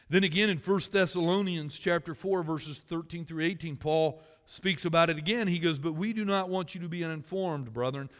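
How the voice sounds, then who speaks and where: Man, pastor, sermon, animated scripture reading, high voice, echoing sanctuary. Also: normal speed. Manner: animated, swings between loud scripture reading and quiet musing. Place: church sanctuary.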